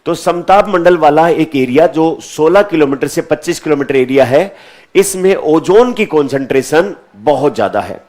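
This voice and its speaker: A man with a somewhat high voice gives a classroom lecture. He keeps asking questions and answering them himself, and he repeats each key term more than once. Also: expressive, normal speed, darkish tone. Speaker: teacher.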